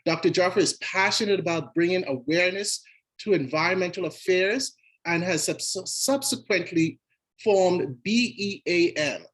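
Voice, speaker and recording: A man's voice: high-pitched, moderate pace, a bit bright, poor audio. A man hosts the evening and reads the guests' bios in a formal tone. He trips over a name now and then and corrects himself. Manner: formal, with occasional stumbles over names. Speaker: event host. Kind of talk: reading speaker bios.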